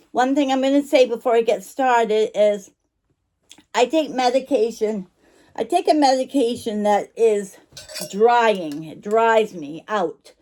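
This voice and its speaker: A woman with a somewhat high, slightly mellow voice chats casually to the camera, vlogger-style, showing off her shop finds. She's an online vintage shop owner who rambles, apologizes, cuts herself off, and chews gum as she talks.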